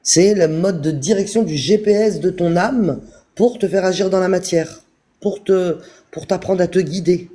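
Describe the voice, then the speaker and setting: A man giving a calm, repetitive spiritual talk on a live stream, speaking straight to his viewers. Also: high voice, normal speed. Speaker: spiritual teacher.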